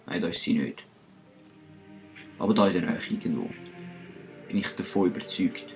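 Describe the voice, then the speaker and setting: A man's voice: low-pitched, moderate pace, over music. A man with a Swiss German accent giving casual, chatty commentary over his gameplay, joking at his own mistakes. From Switzerland. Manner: chatty, self-mocking, talks to himself and viewers. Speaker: let's play host.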